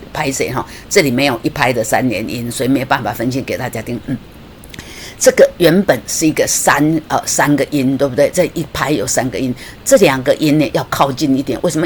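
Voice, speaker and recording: A woman's voice: extremely low pitch, slight background noise. A woman teaching a song line by line, patiently explaining notes and rhythm and singing short phrases as examples.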